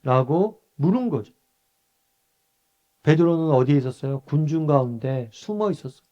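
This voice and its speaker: A man's voice: on the high side, lively intonation, normal speed, warm tone, muffled recording. A male pastor from Busan teaches a Bible study in a conversational way. He asks the group questions, answers them himself, and acts out short quoted lines in a raised voice. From Busan, South Korea.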